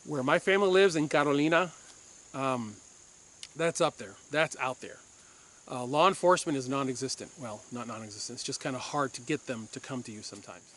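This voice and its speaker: A man's voice: medium pitch, fairly quick, a bit bright. A man from Puerto Rico, a former police officer, hosting a firearms channel and giving an insistent opinion monologue to camera, repeating his points for force.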